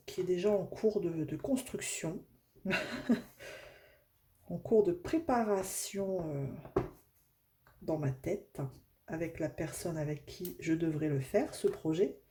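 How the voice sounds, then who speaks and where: Speaking slowly in a lowish, mellow voice, a craft vlogger from northern France pauses often while making a craft at home. She chats casually in a Northern French accent, restarting and using fillers a lot.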